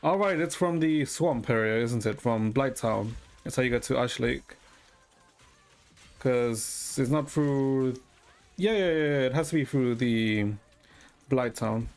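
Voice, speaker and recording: Unhurried and a little mellow, a man with a medium-pitched voice chats casually with viewers as he streams a game. He thinks aloud in a hesitant way, with some mild swearing, and music runs behind his voice.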